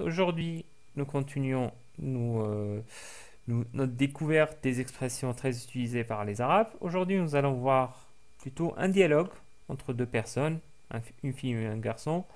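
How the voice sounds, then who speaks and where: A man teaching a language lesson for French speakers, slowly repeating each word for practice, with frequent hesitations. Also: mid-range voice, lively intonation, a little mellow. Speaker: Arabic teacher.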